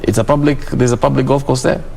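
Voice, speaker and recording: A man's voice: medium pitch, steady tone, fast talker, vocal fry, a little mellow, a little hiss or hum. Emphatic man co-hosting a sports talk show. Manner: emphatic, punctuates points with "okay?". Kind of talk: studio discussion.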